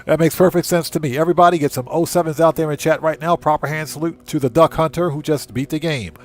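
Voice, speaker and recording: Speaking fast in a steady tone, this man has a fairly high voice. He's a live streamer hosting his channel, giving casual commentary while he plays a game, thinking out loud and reading chat and on-screen text aloud.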